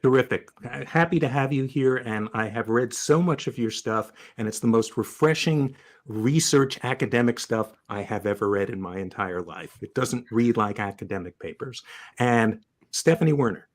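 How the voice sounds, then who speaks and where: A man's voice: mid-range voice, moderate pace. Upbeat man hosting a webcast. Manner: upbeat, joking. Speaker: podcast host.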